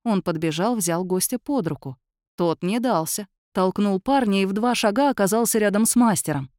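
A woman reading a story aloud as a narrator, in an expressive storytelling manner. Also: medium pitch, moderate pace, no room sound, clean studio sound. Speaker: audiobook narrator. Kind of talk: scripted narration.

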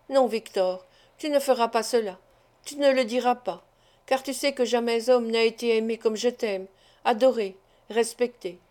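A woman's voice: a little high, darkish tone, lightly acted. Desperate young woman pleading with her lover, voiced by a woman narrator. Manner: pleading, imploring.

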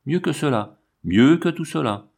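A man's voice: fairly high pitch, lively intonation, moderate pace, creaky, pitched above the performer's own voice. A man reading aloud, voicing a shy, tender young woman painter in a storybook. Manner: soft, shy.

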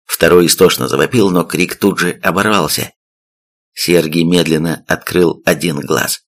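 Low, gravelly male storyteller. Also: steady tone, normal speed, fairly bright tone. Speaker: audiobook narrator. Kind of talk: scripted story narration.

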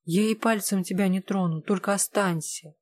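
A woman's voice: mid-range voice, fairly even intonation, normal speed, a little mellow, natural voice. A woman reading the part of a proud, hot-tempered young vampire empress who snaps demands and then pleads. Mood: pleading.

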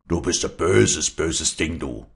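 A man's voice: low voice, lively intonation, fairly quick. A man voicing a stern, angry peasant father who mutters through his teeth.

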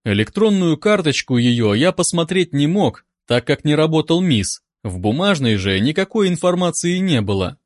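Calm man reading a first-person audiobook. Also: on the high side, normal speed, few pauses, no echo, studio quality. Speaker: audiobook narrator.

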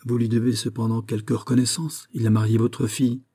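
A man voicing a witty, dignified male magistrate with a taste for fine food, speaking with unruffled calm. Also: medium pitch, a little fast, slightly rough. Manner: tranquil, dignified.

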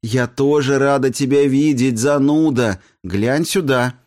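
A man voicing a loud, spoiled young newlywed woman who squeals and gushes. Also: a little slow, natural voice. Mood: boastful. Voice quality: squealing, shrill.

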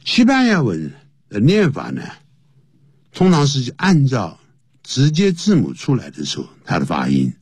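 A man teaching an English lesson, explaining slowly and spelling words out letter by letter, his voice jumping high to stress key points. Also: huge pitch swings, slightly rough, dry recording.

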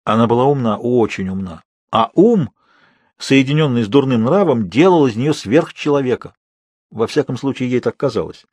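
Husky-voiced male audiobook narrator. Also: mid-range voice, animated, brisk, darkish tone, dry recording. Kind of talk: scripted literary narration.

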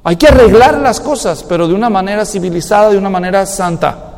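A man preaching with a high voice that fills a church hall with long reverb. He talks animatedly as a pastor, slipping into quoted voices to act out little scenes. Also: quick pace, vocal fry, a little mellow. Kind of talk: sermon.

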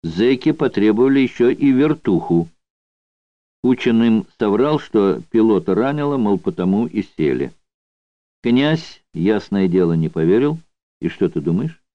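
A male audiobook reader voicing an unhurried, slangy convict storyteller who mocks with coarse barracks slang. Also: fairly low pitch, animated, no room sound. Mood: mocking. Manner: coarse barracks slang, mocking yarn-spinning. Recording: dull dry studio recording.

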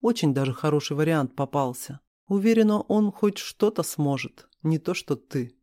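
A sharp-tongued young wife, tipsy and indignant, as a man reading the story puts her on. Her voice rides high and mellow, close and dry. She snaps back in quick bursts. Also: lively intonation, no room sound, natural voice. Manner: indignant, raised voice.

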